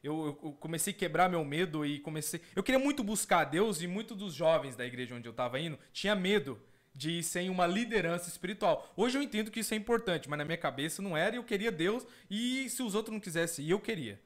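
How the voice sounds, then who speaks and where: An animated evangelical host with a high voice talks at a quick pace, earnestly relating a testimony and reacting to things. He repeats words a lot and keeps addressing listeners as brothers.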